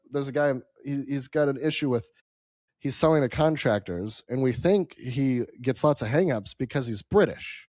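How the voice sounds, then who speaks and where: A man hosting a sales podcast, talking bluntly and casually and acting out quick voices as he goes. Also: medium pitch, a little mellow, no echo, clean studio sound. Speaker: podcast host.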